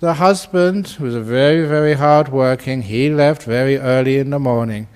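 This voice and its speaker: A man who is a Buddhist monk, giving a dharma talk and telling anecdotes in an unhurried way with gentle humour. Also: medium pitch, clear, resonant tone.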